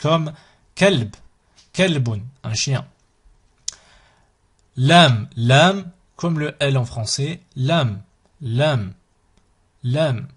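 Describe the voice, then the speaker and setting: Husky-voiced man teaching letters slowly. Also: mid-range voice, animated. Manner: slow, repeats each letter aloud several times. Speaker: Arabic teacher. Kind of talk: language lesson.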